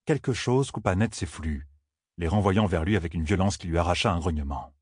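A man reading a fantasy audiobook in a steady, grave, measured way. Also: low voice, breathy edge, no echo, clean studio sound. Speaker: audiobook narrator. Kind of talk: scripted fantasy narration.

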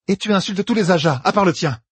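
A man voicing a calm, defiant young woman captive in an audiobook, cool and cutting. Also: sits high, fast talker, breathy edge, no room sound, voice pushed up.

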